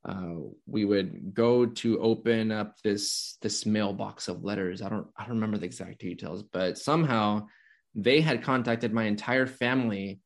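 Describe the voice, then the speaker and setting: A man in his twenties, a guest speaking earnestly and openly in a casual talk, pausing and restarting as he goes. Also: on the low side, steady tone. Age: 20s. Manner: earnest, open, halting with restarts. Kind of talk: casual conversation.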